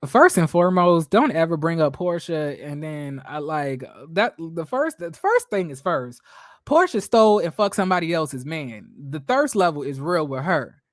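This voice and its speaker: On a reality-show recap livestream, a very animated man with a higher voice reads viewers' comments and fires back in a blunt, sassy, profane style full of rhetorical questions. He talks at a moderate pace, and the studio sound is clean with no echo.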